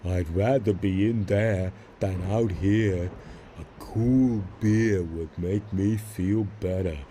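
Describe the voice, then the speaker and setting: A big, dim frontier workman from a video game, grumbles wearily. His voice is dark and slow, full of tired sighs and simple-minded plainness, with slight background noise. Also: low voice. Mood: guarded, simple. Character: big, dim, weary cart-hauling labourer. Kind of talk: video game character acting.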